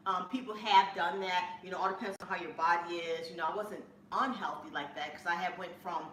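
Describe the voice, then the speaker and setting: A woman hosting a home cooking live stream, chatting in a rambling way with bursts of excitement, from her kitchen. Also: on the low side, fairly quick. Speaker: cooking channel host. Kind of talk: casual live-stream chat. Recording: echoey room, mic at a distance, faint room noise.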